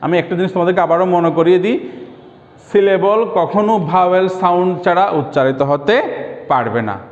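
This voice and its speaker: This man's voice sits high as he teaches primary pupils English online, patiently going through explanations and pronouncing sample words slowly, syllable by syllable. The sound is lo-fi and dull, captured in a room with echo.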